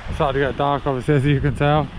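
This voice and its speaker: A young man rambles along, chatty and easygoing, as he films himself fishing on a sea wall. Loud wind batters the camera mic the whole time, and water is heard behind him. His voice sits at an ordinary middle pitch for a man. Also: flat delivery, racing. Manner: rambling and chatty, repeats "but yeah" a lot. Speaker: angler vlogger. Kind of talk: casual outdoor vlog. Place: outdoors on a sea wall by the shore. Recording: loud wind noise outdoors.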